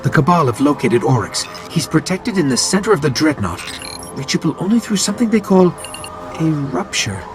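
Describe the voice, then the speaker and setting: A man voices a small robot scout in a video game, sounding alert and curious as he explains things expressively with an inquisitive, wry edge. His voice is a little high and sing-song at a moderate pace, heard in game audio with music behind it.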